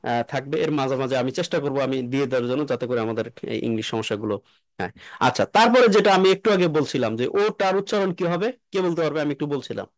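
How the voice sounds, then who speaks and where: A man teaching pronunciation to a class, repeating words slowly and quizzing his students. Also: medium pitch, animated, no room sound. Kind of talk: classroom lesson in a room.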